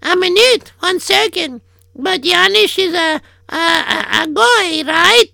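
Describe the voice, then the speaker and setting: A sharp-tongued, practical old-world wife, as a woman acts her out, always pointing out what's wrong. Her voice sits very high and crackles with heavy fry, bright and sharp. Dry and close, as in a comic radio play. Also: expressive, slow, no echo, exaggerated voice. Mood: nagging.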